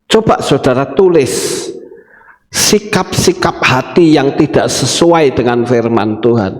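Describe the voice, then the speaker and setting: A man preaching a sermon as pastor, addressing the congregation directly. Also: medium pitch. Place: church hall. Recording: echoey church hall with long reverb.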